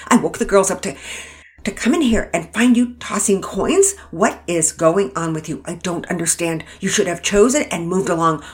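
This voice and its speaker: A woman's voice: medium pitch, voice pushed up, natural voice. Mama Peters, a woman doing a flustered scolding mother. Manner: sputtering, rising to exasperated scolding.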